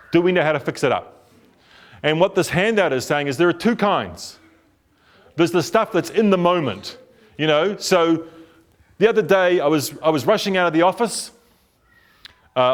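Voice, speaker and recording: A middle-aged man with a New Zealand accent, a couples therapist giving an informal workshop talk, conversational and full of fillers, restarts and check-ins with the audience. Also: on the high side.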